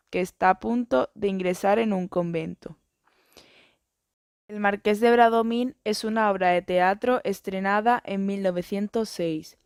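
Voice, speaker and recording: A woman reading an educational biography and book summaries in a steady, even narration. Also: medium pitch, clean tone, no echo, studio quality.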